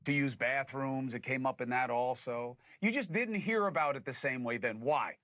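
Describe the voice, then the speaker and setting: Male host doing a political rant, bright sharp voice, emphatic, dry close sound. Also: mid-range voice, normal speed, no room sound. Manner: emphatic and animated, with scornful laughs. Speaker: podcast host. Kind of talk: political commentary.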